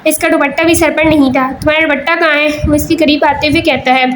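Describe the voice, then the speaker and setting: A woman reads a novel aloud with steady storytelling. Her voice sits high. A faint hiss hums underneath. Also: poor audio. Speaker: story narrator. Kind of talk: reading an Urdu novel aloud.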